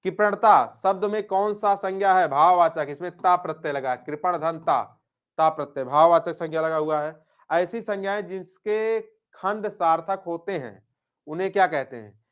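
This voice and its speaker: This Hindi grammar teacher's voice sits high, with a clean tone and normal speed. Working through exam questions, he repeats every answer, asks "क्या?" only to answer it himself, and calls his students by fond nicknames.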